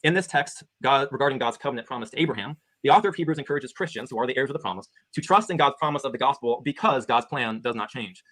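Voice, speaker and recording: A man of middle pitch rattles through a prepared debate argument at a very fast pace. He reads scripture aloud and argues steadily. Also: a bit bright.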